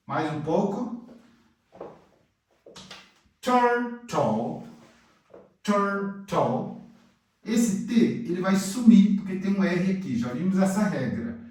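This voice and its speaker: A man's voice: high voice, darkish tone, far from the mic. A Brazilian man teaching English pronunciation, saying each word twice and then translating it. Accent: Brazilian Portuguese. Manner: slow, drills words twice then translates. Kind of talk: pronunciation lesson. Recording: echoey room, voice away from the mic.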